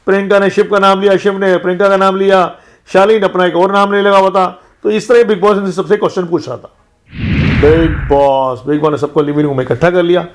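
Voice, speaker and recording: A man's voice: sits high, level tone, brisk. A man recapping a TV episode in casual talk, retelling the quarrels by quoting each person in turn. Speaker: show recap vlogger.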